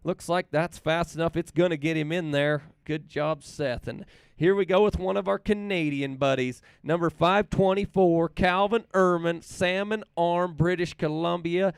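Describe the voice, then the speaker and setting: A man announcing a live race, reading out times slowly and chatting in a folksy way between runs. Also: fairly high pitch, fairly even intonation, creaky, clean tone, no room sound. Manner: reads race times slowly and repeats them. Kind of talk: live play-by-play commentary.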